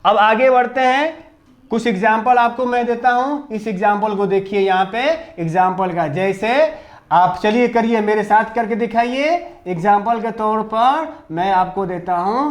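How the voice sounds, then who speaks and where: A man's voice: high voice, moderate pace. A man teaching English grammar to a class, with a Hindi accent, drilling pupils with repeated questions and answers. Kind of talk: classroom lesson.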